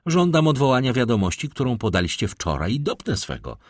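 A man's voice: sits low, big pitch swings, moderate pace, no room sound. Male narrator playing a heated young nobleman, insistent, audiobook, dry close sound. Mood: indignant. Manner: stiff, demanding, heated. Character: young indignant male count, proud and insistent. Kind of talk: audiobook character voice.

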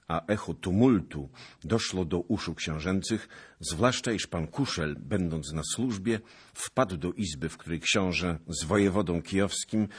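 Deep, husky male audiobook narrator. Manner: expressive, theatrical. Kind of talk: dramatic literary narration.

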